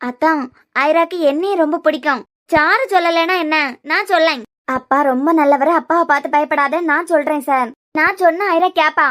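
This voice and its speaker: High-voiced scolding young woman cartoon voice. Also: fairly quick, a bit bright, dry recording, studio quality. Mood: lecturing. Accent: Kanyakumari Tamil. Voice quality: firm, scolding, lecturing. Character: firm young woman caretaker scolding the father. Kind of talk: cartoon voice acting.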